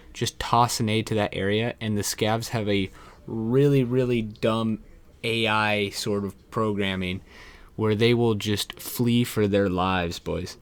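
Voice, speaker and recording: A young man casually walking viewers through a shooter game, talking straight to them and calling them "boys". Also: on the low side. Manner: chatty, calls viewers "boys". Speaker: gaming YouTuber. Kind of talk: casual gameplay tutorial.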